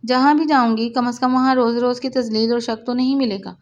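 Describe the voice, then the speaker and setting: A woman's voice: on the high side, fairly even intonation, close to an everyday voice. Storybook: bitter wronged young wife, read by a woman, firm and cold, dull lo-fi audio. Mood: tearful. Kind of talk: storybook reading of a novel.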